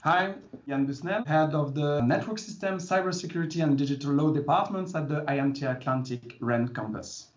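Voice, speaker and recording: A man's voice: a little high, a little fast, hardly any pauses. A man heading a university department, giving a brief proud self-introduction over a video call. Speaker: department head. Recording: dull roomy webcam audio with faint noise.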